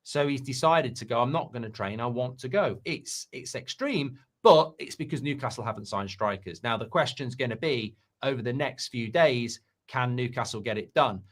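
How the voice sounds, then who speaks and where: A man's voice: mid-range voice, moderate pace, few pauses. A man hosting a casual football chat stream, talking at length with frequent fillers and restarts. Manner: talkative, hesitant with fillers and restarts. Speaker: football channel host.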